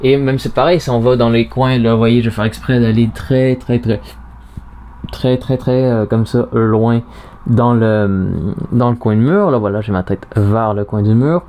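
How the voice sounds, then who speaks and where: A man hosts an informal gear demonstration. His voice sits at a middle pitch, and he chats casually, narrating what he does step by step. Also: unhurried, warm tone, a little hiss or hum. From Canada. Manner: chatty, informal, narrates own movements step by step. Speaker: podcast host reviewing audio recorders. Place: small home studio and narrow hallway. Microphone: recorder's internal mic, later binaural in-ear microphones.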